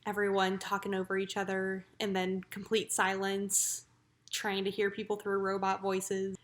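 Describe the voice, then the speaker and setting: A woman's voice: medium pitch, completely flat delivery, moderate pace. A woman talking casually in a personal vlog, in a matter-of-fact, reflective way. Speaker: vlogger.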